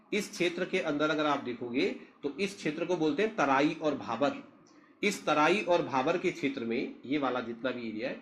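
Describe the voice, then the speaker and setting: A young man from Uttarakhand teaching a lesson in a lecturing style, quizzing the class and answering himself. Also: fairly high pitch. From Tehri district, Uttarakhand, India. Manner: explanatory, asks the class questions and answers them himself.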